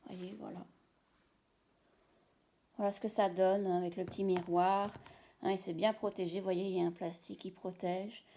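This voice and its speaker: A woman's voice: medium pitch, flat delivery, moderate pace, long pauses, warm tone, a little hiss or hum. A woman showing her shopping finds in a casual, rambling home video, full of hesitations. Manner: chatty, rambling, many hesitations. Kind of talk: casual product show-and-tell. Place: at home, indoors.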